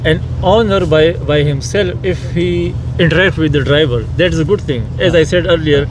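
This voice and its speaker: A man's voice: on the high side, moderate pace. A man in his fifties, a ride-hailing driver, talking plainly and emphatically about his work costs. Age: 50s. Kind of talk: casual dinner conversation. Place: outdoor parking lot. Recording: noisy outdoor parking lot.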